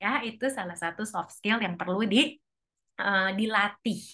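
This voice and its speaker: A woman's voice: normal speed, bright, forceful tone. Chatty woman giving a talk. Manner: chatty, acts out quoted lines in a higher voice. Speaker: speaker at a church couples' fellowship. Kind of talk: casual talk to a church group.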